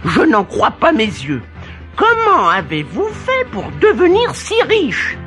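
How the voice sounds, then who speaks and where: An old peasant father, acted by a man, speaks with great feeling in a high voice. His storybook lines rise and fall dramatically. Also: very animated, measured pace, fairly bright tone, faint music behind, full character voice. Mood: amazed. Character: emotional old peasant father, astonished and sorrowful. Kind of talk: storybook dialogue.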